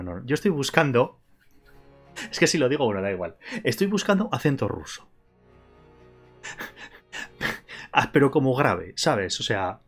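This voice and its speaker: Playful man with a Spain Spanish accent. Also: mid-range voice. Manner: playful, joking and self-mocking. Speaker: live painting tutorial host. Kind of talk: casual live-stream chat while painting.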